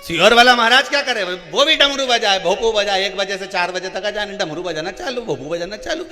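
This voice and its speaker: A man with a central Indian Hindi accent preaches, his voice high and bright. He tells a story and acts out its dialogue, dropping soft and then rising loud. Long reverb rings around him, with faint music underneath. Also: lively intonation, moderate pace. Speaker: preacher telling a scripture story. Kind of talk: sermon.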